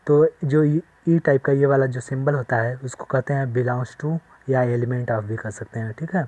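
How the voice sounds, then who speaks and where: A man giving a maths lesson at a board, explaining step by step slowly and often checking that the class follows. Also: mid-range voice, steady tone, darkish tone. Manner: slow, repetitive explaining with frequent check-ins. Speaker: maths teacher.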